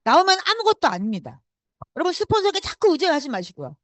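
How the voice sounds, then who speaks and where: A woman's voice: very high-pitched, very animated, fast talker, a bit bright, no room sound. A woman giving a motivational talk, urging the audience with rhetorical questions and repeated affirming fillers. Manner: emphatic and urging. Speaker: motivational speaker.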